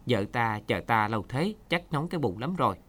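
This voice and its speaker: A man voicing an anxious, devoted Hmong highland husband who cries out loudly, in a storybook reading. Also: lively intonation, brisk. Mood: earnest. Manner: loud, emotional, cries out.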